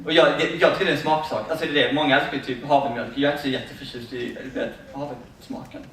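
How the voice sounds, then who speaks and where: A man's voice: mid-range voice, fairly even intonation, a bit bright. A man telling funny stories to a fair audience in a chatty, laughing way, acting out quoted conversations. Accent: Swedish. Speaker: vegan cookbook author giving a talk. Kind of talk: casual storytelling talk at a fair. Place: large echoey fair hall. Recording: very echoey hall, distant mic, audible noise.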